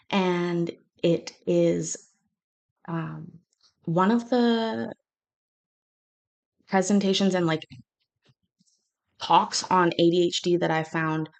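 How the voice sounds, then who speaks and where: A woman's voice: low voice, vocal fry, a little mellow. A woman hosting a casual home stream from her kitchen, reading news aloud and then chatting in a rambling, chatty way. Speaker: channel host.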